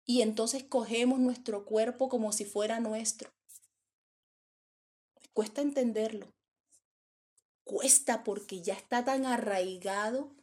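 A woman's voice: a little high, steady tone, slow pace, pauses often, darkish tone. A woman preaching a sermon, telling stories dramatically and acting out the voices. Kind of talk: sermon storytelling.

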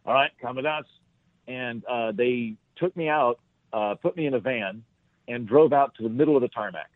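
A man's voice: medium pitch, normal speed, no echo. Man, comedian guest, self-deprecating, rambling, tinny phone-like audio. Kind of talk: storytelling in a podcast interview. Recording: tinny phone-like line, dry.

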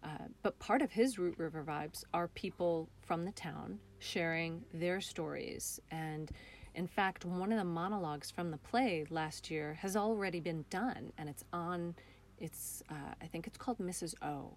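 Over a computer call, also recorded on her phone, a woman speaks in a fairly low voice, a little slowly, with slight background noise. She's an interview guest, a playwright and director, chatting expressively and enthusiastically about her work.

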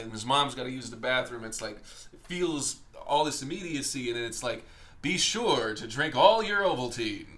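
A man's voice: mid-range voice, bright, forceful tone. A man co-hosting a casual film discussion, enthusiastic and swearing casually. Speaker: podcast co-host.

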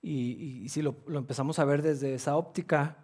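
A man preaching a sermon with earnest, repeating emphasis and fillers as he searches for words. His voice sits a little high for a man. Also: fairly quick, darkish tone, husky. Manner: earnest, repetitive, with frequent restarts and fillers. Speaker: pastor.

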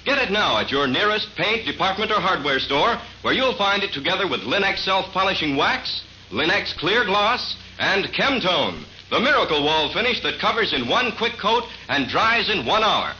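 A man's voice: sits high, sing-song, moderate pace, hardly any pauses, bright, forceful tone. A man reading a scripted, chipper 1950s radio advertisement with polished, emphatic salesmanship. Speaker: radio announcer reading sponsor ad. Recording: muffled vintage radio recording, faint noise.

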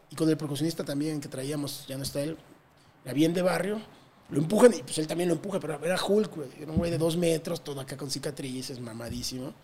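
A man with a Mexican accent telling a touring story in a casual interview, animated and full of slang and swearing. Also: on the high side, breathy edge. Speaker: touring musician guest.

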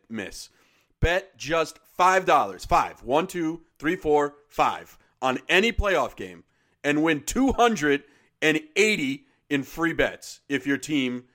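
A man, a podcast co-host, briskly reciting the legal disclaimer at the end of a sponsor ad read. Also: on the high side, fairly bright tone. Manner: brisk, formal recital of terms and conditions.

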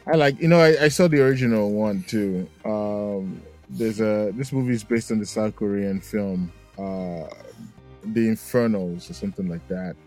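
A man's voice: fairly low pitch, moderate pace, darkish tone, faint music behind. A man co-hosting a movie podcast, telling stories in a rambling way with lots of fillers. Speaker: podcast co-host. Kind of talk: casual chat.

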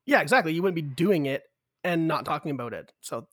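Here a podcast co-host with a cold talks in a fairly high, lively voice, a little fast. In casual conversation he goes over survey results in an upbeat manner. The sound is clean studio quality, echo-free.

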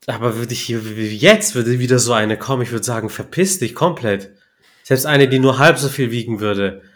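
A young man telling a story in relaxed podcast chat, slangy and laughing at his own punchlines. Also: mid-range voice, brisk. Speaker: podcast co-host. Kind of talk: casual storytelling.

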